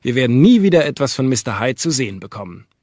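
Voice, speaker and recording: Ein Mann spielt einen spöttischen Herrn. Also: male voice, medium pitch, big pitch swings, fast talker, darkish tone, no echo, studio quality. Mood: wry.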